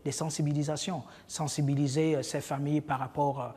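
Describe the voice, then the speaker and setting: A man who works with newcomer families at school, explaining in a measured way with some fillers in a documentary interview. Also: on the high side, flat delivery, dark tone, husky, long reverb tail. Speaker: school settlement worker.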